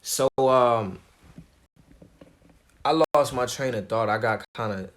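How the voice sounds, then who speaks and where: A man streaming live, talking casually in a calm, laid-back way with plenty of slang. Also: medium pitch, slow. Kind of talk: casual livestream commentary.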